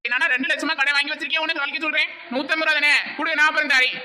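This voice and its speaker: A woman's voice: sits high, steady tone, rapid-fire, very noisy. A woman with a Tirunelveli Tamil accent, voicing cartoon comedy in a complaining, protesting way. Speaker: voice actor.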